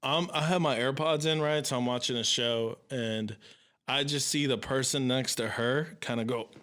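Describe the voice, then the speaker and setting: A man's voice: medium pitch, moderate pace. A young man co-hosting a casual podcast, telling a story with lots of swearing and acted-out quotes. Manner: animated, acts out quoted voices, swears a lot. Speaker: podcast co-host.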